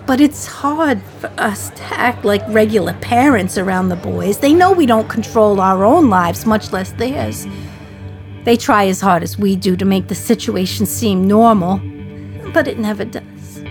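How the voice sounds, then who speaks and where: Speaking from her cell in a radio drama, a condemned mother delivers a monologue over background music. Her medium-pitched female voice is expressive and measured, confiding with dry gallows humour; she sounds wistful and subdued, yet defiant.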